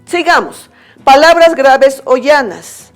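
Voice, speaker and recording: A woman's voice: high voice, lively intonation, slow, soft background music. A woman teacher with a Bolivian accent, giving a recorded school lesson step by step and often checking in with her students. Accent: Bolivian Spanish.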